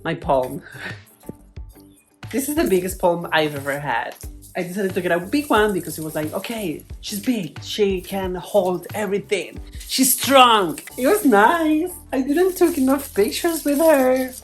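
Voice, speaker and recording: With music playing behind her, a woman speaking accented English chats about plants for her vlog, casual, playful and a touch hesitant. Her mid-range voice has lively intonation and moves a little slowly.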